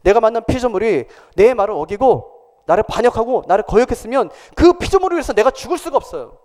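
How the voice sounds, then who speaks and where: A man's voice: very high voice, sing-song, fast talker, a little mellow, big-room sound. A male pastor preaching a sermon in a church, talking conversationally and asking the congregation questions.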